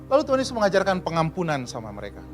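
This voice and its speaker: A man, a pastor giving a lively sermon in church and asking the congregation questions. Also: a little high, racing, faint music behind. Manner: lively preaching, asks the congregation questions, mixes in English.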